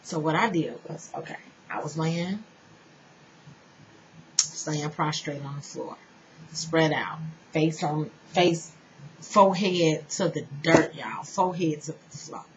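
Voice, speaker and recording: An earnest woman recounts a personal spiritual experience straight to her listeners, at times dropping into a hushed whisper. Her voice sits a little low. The recording is dull and lo-fi, with a faint hiss behind her. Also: slow, pauses often. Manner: earnest, addresses listeners as y'all, drifts into soft whispers. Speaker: spiritual storyteller. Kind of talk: personal testimony. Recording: dull lo-fi sound with faint noise.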